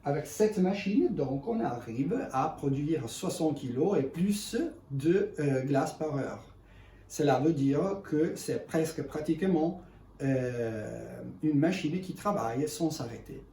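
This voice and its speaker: A man in gives an unscripted product demonstration in halting, self-correcting, speech. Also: on the high side, expressive, dark tone. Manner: halting non-native French with self-corrections. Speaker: ice cream machine presenter. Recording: echoey room, distant mic, faint noise.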